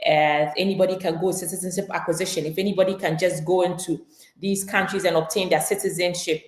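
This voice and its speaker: A woman's voice: fairly low pitch, steady tone, quick pace, echoey room. A woman immigration attorney explaining legal updates on a live stream, talking it through with frequent fillers and restarts.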